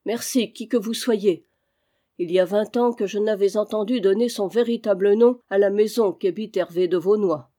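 A woman reading aloud, voicing a fearless, grumbling old woman housekeeper with a hoarse voice. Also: medium pitch, normal speed, warm tone, natural voice. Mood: overjoyed. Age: over 60. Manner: grumbling, exclaiming.

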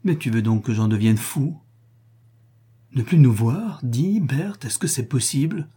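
A man's voice: on the low side, normal speed, warm tone, breathy edge. A man voicing an impulsive, lovesick wealthy husband in an audiobook, urgent and passionate. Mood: anguished. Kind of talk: audiobook character reading.

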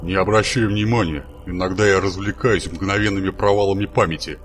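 A man's voice: sits low, fairly even intonation, a little fast, soft background music, close to an everyday voice. A man voicing a grumpy, capricious God who snaps and grumbles condescendingly at his servant. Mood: whimsical. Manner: gruff, snapping, condescending. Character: grumpy, capricious, self-satisfied male God.

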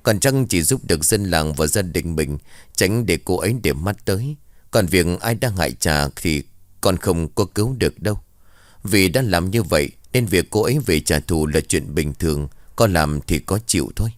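A man's voice: low voice, expressive, moderate pace, no echo, studio quality. A man voicing a young ritual master who earnestly consoles a grieving family.

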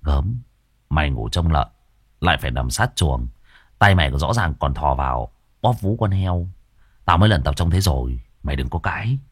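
A man's voice: a bass voice, lively intonation, normal speed, husky, dry recording, clean studio sound, pitched below the performer's own voice, exaggerated voice. A man voicing a timid young farm servant who stammers meekly. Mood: grumbling. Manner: meek, stammering.

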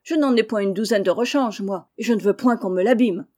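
A woman voicing a quarrelsome old peasant husband who shouts in rustic speech. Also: medium pitch, a little fast, close to an everyday voice. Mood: angry shouting.

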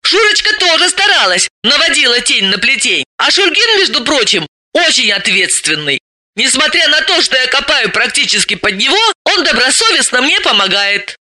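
A man voicing an excitable, touchy young woman who talks in high, indignant exclamations. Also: normal speed, heavily acted. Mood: defensive.

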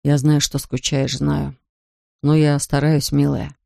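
Narrator doing a grieving father, soft, low, slow, pleading, dry close sound. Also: little pitch movement, vocal fry, no echo. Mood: tender. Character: grieving gentle father, a big man. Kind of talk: audiobook character voice.

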